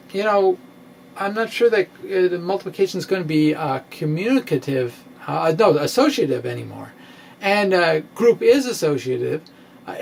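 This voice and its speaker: Reading from his own science blog, a middle-aged man who makes physics videos performs it dramatically, his high-pitched delivery oddly halting and stretched by long pauses. A microphone on a stand sits before him in a small bookshelf-lined room, and steady, clear background noise is audible.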